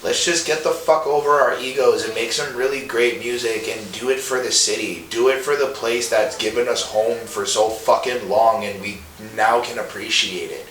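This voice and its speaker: A man's voice: mid-range voice, fairly even intonation, moderate pace, few pauses, a bit bright. A man in his twenties from Montreal, talking in a rambling, profane, earnest way with many restarts. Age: 20s. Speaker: rapper guest. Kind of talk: casual monologue interview. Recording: roomy echo, distant mic, faint hiss.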